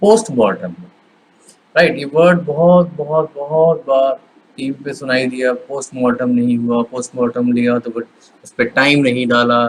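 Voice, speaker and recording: A man's voice: mid-range voice, fairly even intonation, slight background noise, poor audio. A male teacher with an Indian accent, switching between Hindi and English as he explains grammar and repeats each word on the board. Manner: slow, repeats words while writing on a board. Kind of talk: classroom grammar lesson.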